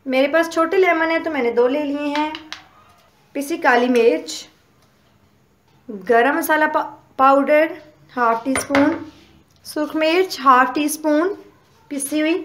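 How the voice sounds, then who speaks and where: A woman, hosting a home cooking channel and explaining each step calmly in a casual voice-over. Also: high voice, slow pace, pauses often, slight background noise. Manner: step-by-step explaining, calm and homely.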